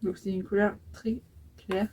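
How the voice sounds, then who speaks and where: Woman, 20s, beauty vlogger. Mellow, slightly breathy voice, casual and hesitant. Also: medium pitch, level tone, unhurried, low-quality recording. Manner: chatty, hesitant, many fillers while applying makeup. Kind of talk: casual makeup tutorial.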